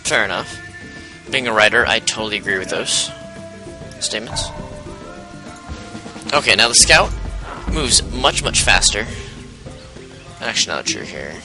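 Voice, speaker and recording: Expressive and lowish in pitch, a gameplay commentator speaks at a measured pace with long pauses, rambling through casual let's play talk. He explains the mechanics along the way and frequently cuts himself off; the recording is rough, with game music in the background.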